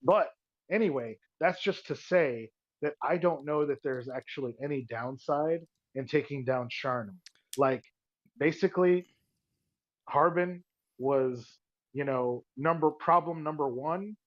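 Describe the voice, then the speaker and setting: A man's voice: a little high, a little slow, no room sound. A man at a tabletop game, laying out his plan in a rambling, persuasive way with lots of restarts. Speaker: tabletop player. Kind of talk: casual in-character planning talk. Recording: dull muffled dry mic sound.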